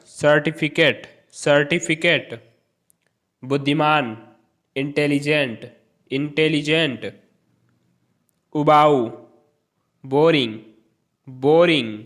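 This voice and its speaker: A man's voice: a little high, fairly bright tone. A man hosting an English channel, reading Hindi words with their English match and repeating each pair. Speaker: channel host, English tutor. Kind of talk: vocabulary drill.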